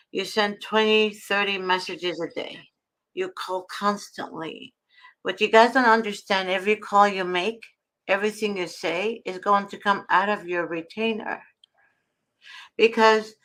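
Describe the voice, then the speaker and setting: A woman's voice: mid-range voice, a bit bright, low-quality recording. A woman hosting an advice show, talking with effort through toothache after dental work, explaining things in an earnest, emphatic way. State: swollen, sore mouth after a root canal, in pain, talking with effort. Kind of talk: earnest advice talk to viewers.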